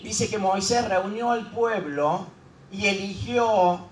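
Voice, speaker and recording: A man preaching a sermon as pastor, emphatic and repetitive, often dropping suddenly to a quiet tone. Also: high voice, slow, reverberant, distant mic, poor audio.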